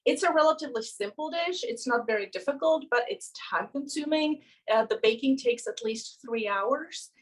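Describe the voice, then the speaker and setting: A middle-aged woman from the Czech Republic giving a cooking demonstration in her home kitchen on a phone camera, explaining in a relaxed way while she works. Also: high voice, normal speed, poor audio. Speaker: cooking instructor.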